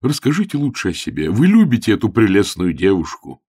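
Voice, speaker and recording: A man voicing a timid, fussy elderly bishop who speaks slowly and plaintively. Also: lowish voice, wildly swooping pitch, a little mellow, breathy edge, dry recording, clean studio sound, heavily acted. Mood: relieved. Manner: slow, plaintive and pleading.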